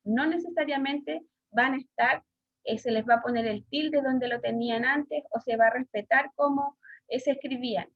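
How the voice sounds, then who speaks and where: Chilean woman teacher, high voice, halting with fillers, dull video-call sound. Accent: Chilean Spanish. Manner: hesitant, many fillers, asks pupils questions. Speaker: schoolteacher. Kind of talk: online class lesson.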